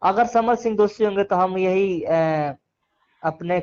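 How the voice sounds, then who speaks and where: High-pitched and a little slow, this man speaks with fairly even intonation and a darkish, clean tone. Through a dull lo-fi phone call, he gives opinions in a casual interview with a Bhojpuri accent, earnestly arguing and repeating phrases for emphasis.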